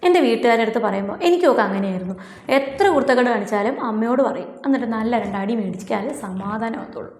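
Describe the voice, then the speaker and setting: A woman teaching an English lesson to young children, coaxing them with many questions and reading English lines slowly. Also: a little high, darkish tone, reverberant.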